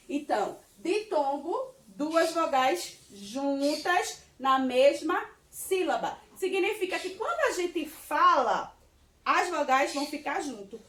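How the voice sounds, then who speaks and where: Brazilian Portuguese woman teacher, slow and patient with kids, in a roomy space away from the mic. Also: sits high, a bit bright. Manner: slow, patient, checks in with "tá certo?". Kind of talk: children's grammar lesson. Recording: roomy, from a distance.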